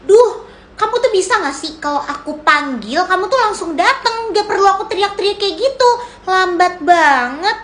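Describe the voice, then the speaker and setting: A woman's voice: extremely high pitch, animated, normal speed. A woman playing a bossy, sneering young woman. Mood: scornful. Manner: demanding, mocking and sharp. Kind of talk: homemade dramatized story.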